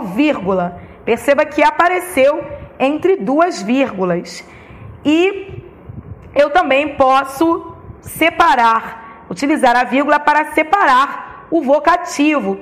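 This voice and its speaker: High-voiced Brazilian woman teacher. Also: fairly bright tone. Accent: Brazilian Portuguese. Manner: explains step by step, saying each comma aloud. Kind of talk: recorded classroom lesson.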